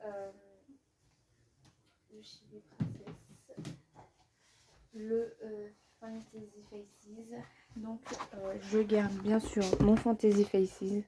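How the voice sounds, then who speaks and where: A woman chatting casually in a vlog about her book collection, hesitant, with many pauses and fillers, sometimes dropping to a near-whisper. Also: medium pitch, completely flat delivery, noisy background.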